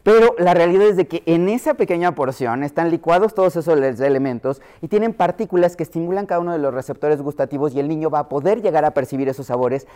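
A man's voice: fairly high pitch, fast talker, hardly any pauses, mellow, clear, resonant tone. A middle-aged man with a Mexico City Spanish accent giving an explanatory lecture to pediatricians, often acting out voices he quotes.

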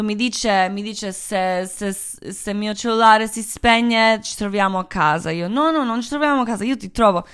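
Animated woman telling a story. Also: fairly high pitch. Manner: animated, mixes English words into Italian, laughs often. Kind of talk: casual storytelling.

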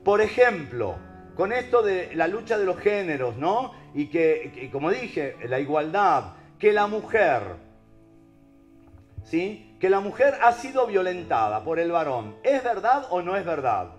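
A man with a Rioplatense accent preaches to listeners, peppering his talk with rhetorical questions. His voice sits a little high and leaps up and down with emphasis. Soft music plays faintly underneath. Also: a little slow. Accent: Rioplatense Spanish. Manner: animated, rhetorical questions to the audience.

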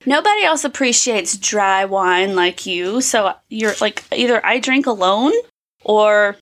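A woman with a Southern American accent, co-hosting a casual podcast and chatting in an animated, storytelling way. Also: mid-range voice, measured pace. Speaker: podcast co-host. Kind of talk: casual chat.

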